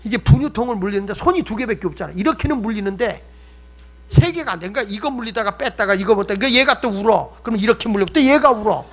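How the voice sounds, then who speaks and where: Guy pastor with a high voice, joking storyteller sermon, chatty with the crowd. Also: animated, racing, a bit bright. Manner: humorous storytelling, chatty and direct with the congregation.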